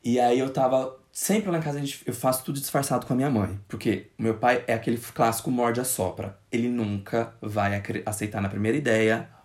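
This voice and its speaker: A man's voice: medium pitch, fairly quick, hardly any pauses. A man in his thirties from Brazil, telling a personal family story in casual chat and jumping into quoted voices. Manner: animated, jumps into quoted voices.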